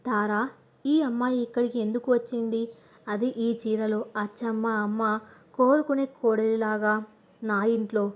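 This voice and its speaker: A stern young male police officer, suspicious and cutting, as a woman narrator reads him. His lines come out harsh and sarcastic, in a fairly high, level voice that barely rises or falls. It is told as an audio story. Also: fairly even intonation, measured pace, natural voice. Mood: stunned.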